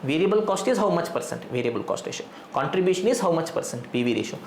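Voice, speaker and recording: Male lecturer, South Indian accent, quick and colloquial, quizzing students; roomy sound with faint noise. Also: fairly high pitch, expressive. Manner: frequent check questions to students; colloquial Indian English slang. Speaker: accounting teacher. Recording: echoey room, faint background noise.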